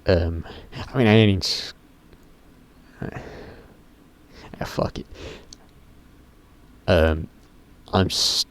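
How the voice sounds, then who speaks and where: A teenage boy with a very deep voice speaks very slowly to camera, pausing often. It's a rambling, casual YouTube vlog in which he repeatedly halts mid-sentence and swears offhandedly.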